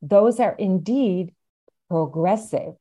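A woman's voice: mid-range voice, slow pace, warm tone. A middle-aged or older woman, explaining things as an interview guest and stressing key points emphatically. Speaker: podcast guest, aphasia advocate.

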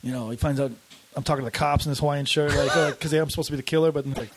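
A man's voice: a little high, steady tone, very fast, a little hiss or hum. A man in his twenties with a whiny voice, a comedian guest on a podcast, rambling through stories full of fillers and swearing. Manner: rambling, profane storytelling with many fillers. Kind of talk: casual podcast chat.

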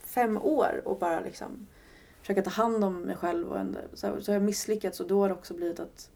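A woman's voice: mid-range voice, steady tone, gravelly, dark tone. A woman in her twenties, a podcast guest, speaking candidly and searchingly and often laughing at herself. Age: 20s. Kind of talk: casual podcast conversation.

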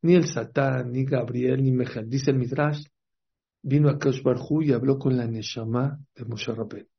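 A man teaching a Torah class as a rabbi, telling stories lively and asking his listeners questions. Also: medium pitch, normal speed, gravelly, breathy edge. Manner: lively storyteller, acts out quotes, asks the audience questions. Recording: dull lo-fi recording.

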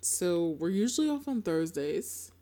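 A woman's voice: lowish voice, sing-song, a little slow, dark tone. A woman in her twenties co-hosting a casual podcast with a blunt, dry, sarcastic manner, in a hard-walled apartment. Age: 20s. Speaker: podcast co-host. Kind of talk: casual chat. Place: apartment with hard concrete walls.

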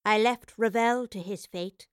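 Woman voicing a calm, quietly resolute professor. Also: mid-range voice, clean tone, dry recording, clean studio sound, lightly acted. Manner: calm, quiet, measured replies.

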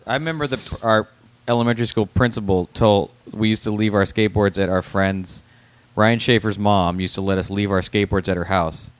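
A man's voice: on the low side, steady tone, a little fast, dry recording. A man in casual chat, telling stories bluntly in the present tense with a bit of swearing.

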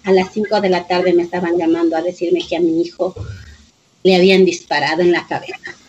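A woman's voice: fairly low pitch, steady tone, fairly quick, darkish tone, slight background noise. A middle-aged woman tells her story in an interview, voicing her son and herself as the talk unfolds. Her delivery is emotional and full of repetition. The recording is slightly dull, with faint background ambience. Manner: emotional storytelling, reenacting dialogue, repeating phrases. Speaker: grieving mother of a police officer. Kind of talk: personal testimony in an interview.

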